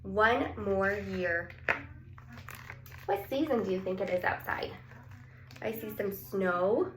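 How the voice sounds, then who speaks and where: A woman reads to young children from a picture book, her medium-pitched voice unhurried. She stretches out words and asks her listeners questions, and the recording echoes with some noise behind it.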